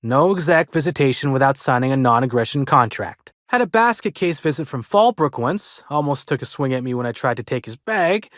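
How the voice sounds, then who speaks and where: Casting: male actor for a chirpy, folksy American bellhop, old-fashioned and talkative, game dialogue, medium-pitched and dry. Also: animated, a little fast, few pauses, a bit bright, no room sound, natural voice. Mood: chatty storytelling. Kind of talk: video game character dialogue.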